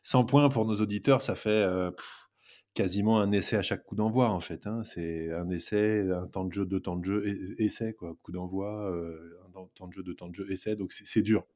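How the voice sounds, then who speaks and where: A middle-aged man co-hosting a casual podcast, relaxed and joking, teasing his partner. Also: low voice, normal speed. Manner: relaxed, joking, reads reviews aloud. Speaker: podcast co-host.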